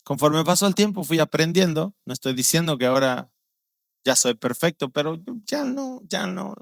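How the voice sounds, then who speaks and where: A male pastor with a Guatemalan Spanish accent preaching a sermon, telling stories with vivid acted-out voices and dropping low and quiet on serious points. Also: lively intonation, moderate pace, gravelly, no room sound. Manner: storytelling, acting out quoted voices with sudden loud outbursts.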